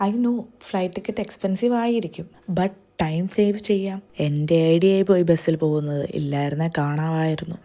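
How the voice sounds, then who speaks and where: A woman's voice: mid-range voice, warm tone. A woman narrating a travel vlog in a playful, chatty way, mixing Malayalam with English words and phrases.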